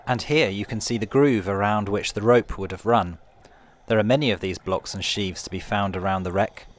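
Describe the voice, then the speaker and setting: A man narrating a scripted guided tour in a calm, measured, explanatory way, like a museum guide. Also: fairly low pitch. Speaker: tour guide narrator of a shipwreck dive trail.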